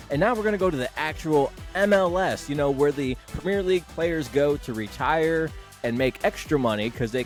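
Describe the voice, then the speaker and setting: A man hosting a casual sports podcast, talking bluntly and rambling, with the odd swear word. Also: mid-range voice. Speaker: podcast host.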